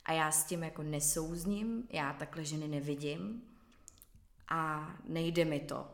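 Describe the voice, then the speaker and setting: A woman who works as an actress, speaking as a guest in a thoughtful interview and pausing often to search for words. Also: low-pitched, creaky, reverberant. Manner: thoughtful, searching, many hesitations. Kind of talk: reflective interview talk.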